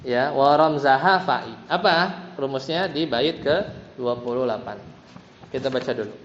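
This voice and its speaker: A man's voice: mid-range voice, normal speed, slight background noise. A man with an Indonesian accent teaching a tajwid class, patiently explaining each letter and chanting verses for students to repeat. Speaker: Quran recitation teacher. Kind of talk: tajwid lesson with call-and-response chanting. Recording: dull, roomy hall recording.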